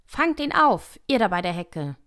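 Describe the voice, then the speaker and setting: A woman voicing an excitable male rabbit who shouts orders in an audiobook. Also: medium pitch, measured pace. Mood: commanding. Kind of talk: audiobook reading.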